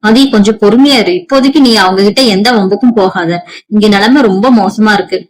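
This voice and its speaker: A woman's voice: mid-range voice, fast, natural voice, low-quality recording. A woman voicing a meek, overworked young daughter-in-law who speaks in a pleading, sorrowful way.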